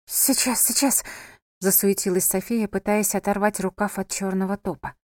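A woman narrating a novel in a measured, even storytelling voice. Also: medium pitch, dry recording, clean studio sound. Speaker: audiobook narrator.

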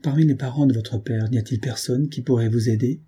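A man's voice: steady tone, brisk, dark tone, husky. A man reading a brooding, lovesick young man. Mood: pleading. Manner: low, pleading, then angry. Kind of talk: audiobook reading.

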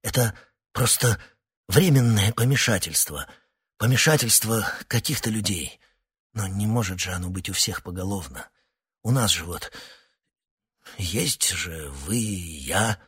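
A man voicing a younger male Soviet doctor in an audiobook, speaking in a raspy, low, pleading whisper. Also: lively intonation, a little slow, pauses often, a bit bright, exaggerated voice. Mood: earnest. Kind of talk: audiobook character voice.

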